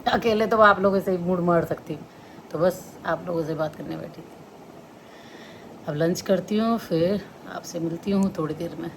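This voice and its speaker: A woman's voice: fairly low pitch, normal speed, slight background noise. A middle-aged woman, chatting casually to her viewers and laughing often as she talks. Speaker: vlogger.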